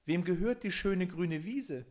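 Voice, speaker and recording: A man voicing a proud, mocking young princess in a fairy tale, speaking high and drawn out. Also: unhurried, darkish tone. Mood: lamenting.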